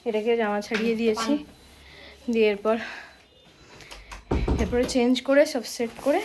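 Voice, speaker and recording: A woman talks through her day for her family vlog in a chatty, easy way. Her voice sits a little high. The phone recording has clear background noise. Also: fairly even intonation, moderate pace. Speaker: vlogger. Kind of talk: casual family vlog narration.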